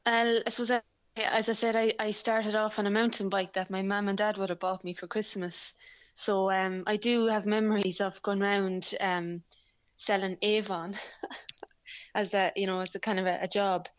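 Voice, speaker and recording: Interview guest: Irish woman, west of Ireland accent, conversational and anecdotal, mid-pitched voice in a dry recording. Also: little pitch movement, normal speed, clear, resonant tone, dry recording. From County Leitrim, Ireland. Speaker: interview guest, amateur cyclist. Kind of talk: casual conversational storytelling.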